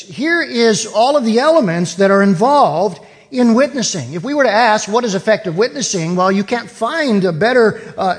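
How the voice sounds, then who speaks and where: A man preaching a sermon, explaining scripture in a deliberate, teacherly way. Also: high-pitched. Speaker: pastor. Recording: long reverb of a hall.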